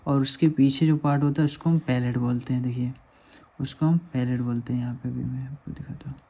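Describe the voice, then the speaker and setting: A man's voice: medium pitch, fairly even intonation, fairly quick, warm tone, slightly rough. A man teaching a lesson over diagrams, patiently asking questions and answering them himself.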